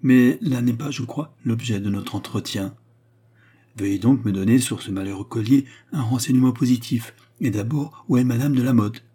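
In an audiobook reading, a man voices a proud, haughty queen, raising his voice higher and sounding imperious and demanding. His natural voice has a dark tone and is slightly rough, and he speaks at a moderate pace.

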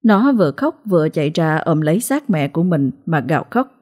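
A woman narrating a ghost story in a steady, dramatic way. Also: sits low, brisk, husky.

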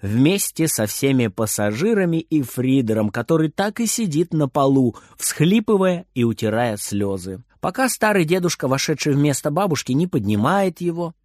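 A man reading a children's story aloud in an expressive narrating voice. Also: fairly high pitch, normal speed, few pauses, no echo, studio quality.

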